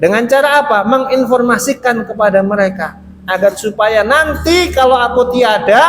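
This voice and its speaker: A man preaching to a congregation, telling a story and acting out the people in it, with a frequent "ya" between phrases. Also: high voice. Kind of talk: sermon. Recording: reverberant hall, faint noise.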